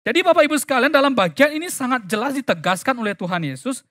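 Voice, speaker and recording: Male preacher, emphatic sermon delivery with hushed asides, dry close-miked sound. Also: expressive, fast talker, no room sound. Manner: emphatic, swinging between loud stresses and quiet low asides; keeps addressing the congregation with tag phrases. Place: church.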